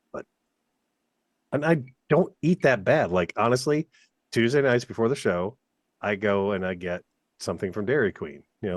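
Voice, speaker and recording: A man's voice: fairly low pitch, no room sound, clean studio sound. A man chatting casually as a podcast co-host, rambling and joking at his own expense with some swearing. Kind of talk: casual chat.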